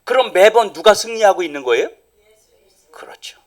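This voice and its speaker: A middle-aged male pastor preaching a sermon, swinging from loud emphatic lines down to near whispers. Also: high-pitched, animated, moderate pace. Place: church sanctuary.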